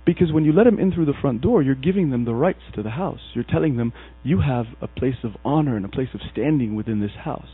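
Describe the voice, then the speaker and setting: An Egyptian man delivers a sermon as a story, animatedly acting out the characters he quotes, in a mid-range voice at a quick pace with few pauses. Soft music plays behind his husky voice, and the recording is tinny, dry and phone-like with mains hum.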